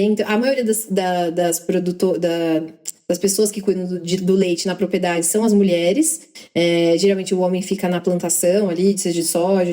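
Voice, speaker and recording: A young Brazilian woman co-hosting a podcast, telling work stories in a lively, self-deprecating way with quick asides. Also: mid-range voice. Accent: Brazilian Portuguese. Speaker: podcast co-host. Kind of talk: casual storytelling chat.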